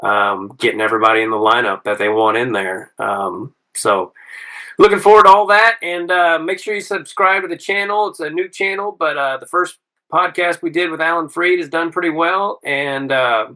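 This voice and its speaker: A man's voice: on the high side, normal speed, sharp tone, poor audio. A middle-aged man hosting a casual interview podcast, friendly and rambling, with lots of "uh" and "man". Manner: friendly, rambling with many fillers. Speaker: podcast host.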